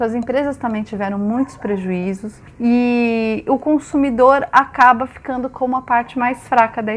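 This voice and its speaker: A woman with a Brazilian accent giving practical advice in a conversational way. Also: a little high.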